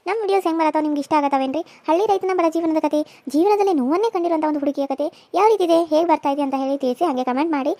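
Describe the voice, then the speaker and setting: A woman's voice: sits high, racing, hardly any pauses, mellow. A woman hosting her cartoon channel, chatty and pleading for views. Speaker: channel host. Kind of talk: casual outro appeal.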